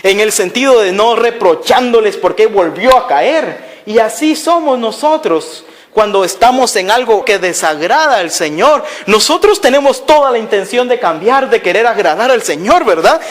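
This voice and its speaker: A man's voice: high-pitched, animated, moderate pace, few pauses. A man preaching a sermon, telling a story and asking his listeners rhetorical questions again and again. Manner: acts out voices of people in the story.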